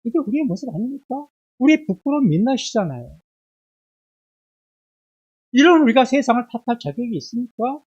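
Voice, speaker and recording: A man preaching a Sunday sermon in a church while suffering from a bad cold with fever. He asks his listeners one rhetorical question after another, rising loud and dropping to a hush. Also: very high-pitched, sing-song, fairly quick, pauses often, husky, lo-fi sound. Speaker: pastor. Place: church sanctuary.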